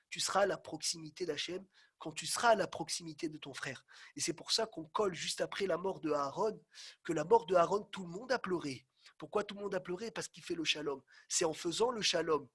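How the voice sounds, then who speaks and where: Rabbi, high voice, lively storyteller, loud then hushed, over a video call. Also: male voice, slightly rough. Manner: animated, swings from loud exclamations to hushed tones. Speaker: rabbi teaching a Torah class. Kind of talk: storytelling Torah lesson.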